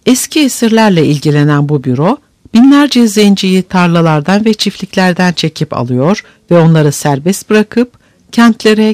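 A male audiobook narrator with a high, very animated voice, telling the story in an expressive and measured way. The sound is dry and close, on a studio mic. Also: dry recording.

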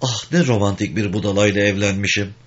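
A man's voice: fairly low pitch, steady tone, quick pace, lightly acted. A man voicing a firm farm mother. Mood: dry. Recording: dull lo-fi recording.

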